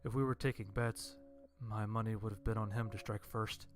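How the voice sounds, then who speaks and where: A man narrating a first-person horror story in a dry, deadpan way. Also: lowish voice, normal speed, faint music behind.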